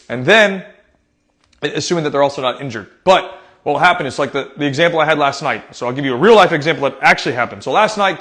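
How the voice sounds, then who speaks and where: An American man, a youth soccer coach, giving casual advice and telling stories with lots of fillers and "right?" tags. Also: fairly high pitch. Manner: animated storyteller who acts out his own loud quoted lines.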